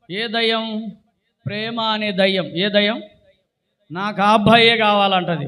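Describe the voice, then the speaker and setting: A man preaching a sermon as a pastor, exhorting his congregation with loud declarations and quiet asides. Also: sits high. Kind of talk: sermon with prayer and call-and-response. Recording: long reverb of a church hall.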